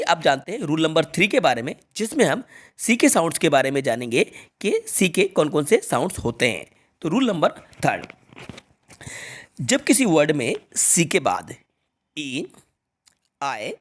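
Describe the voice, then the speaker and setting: A teacher runs through spelling rules with a lively, swooping voice that moves freely up and down. Each word is spelled out letter by letter and then repeated. The students get frequent direct reminders to note the rules. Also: mid-range voice. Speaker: English teacher. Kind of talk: spelling lesson explained in Hindi.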